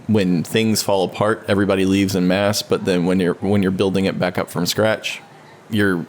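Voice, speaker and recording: A man co-hosting a relaxed podcast conversation, rambling and restarting his thoughts as he talks. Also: slight background noise. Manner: rambling, with many restarts, briefly mimics others in a high voice. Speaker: podcast co-host. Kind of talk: casual conversation. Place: home studio.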